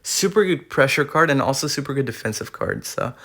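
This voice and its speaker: Young guy rambling thru a game card tier list, slangy, like bro, voice kinda going hoarse, tablet mic. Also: mid-range voice, expressive, brisk, fairly bright tone. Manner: rambling, slangy, filler-heavy. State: losing his voice. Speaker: gaming YouTuber. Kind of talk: casual tier-list commentary. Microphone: iPad recording.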